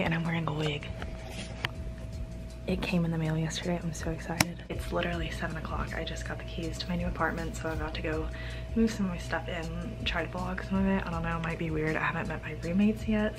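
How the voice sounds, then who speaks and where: An American woman in her early twenties chatting casually to her vlog camera in a bubbly sorority-girl way, peppering her talk with "like" and "literally.". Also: on the low side. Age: early 20s. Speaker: vlogger, college sorority member. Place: small bedroom, indoors. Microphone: camera at arm's length.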